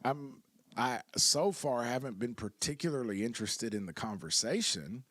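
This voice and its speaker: A man's voice: mid-range voice, expressive, normal speed, fairly bright tone, no room sound. Reflective man in a dry podcast booth. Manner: reflective, easygoing, laughs at times. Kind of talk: casual podcast conversation.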